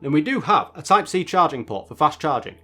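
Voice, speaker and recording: Man, fairly high-pitched, casual product review, conversational, wry asides, background music. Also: sing-song, brisk, sharp tone. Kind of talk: casual scripted review narration.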